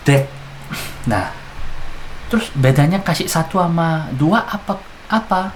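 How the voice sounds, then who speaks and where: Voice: medium pitch, expressive, measured pace, a little hiss or hum, poor audio. A person teaching Korean pronunciation in a casual lesson, spelling out syllables carefully and adding chatty asides. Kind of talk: casual lesson explaining song lyrics.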